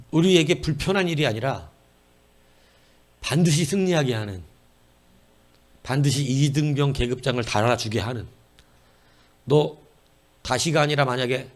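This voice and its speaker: A man preaching a sermon in church, telling lively stories with jokes. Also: medium pitch. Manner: animated, storytelling with jokes and acted voices. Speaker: pastor.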